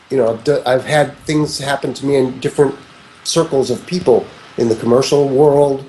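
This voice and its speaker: Heard through poor audio, this man in his fifties has a medium-pitched, dark voice. A music producer guesting on a casual interview, he rambles reflectively, frequently restarting his sentences and dropping plenty of "you know"s.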